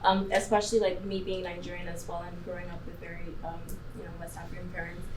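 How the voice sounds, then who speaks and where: A woman's voice: fairly low pitch, monotone, fast talker, a little mellow. A young woman talking conversationally as a guest in a panel discussion. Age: young adult. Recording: roomy, distant mic with faint noise.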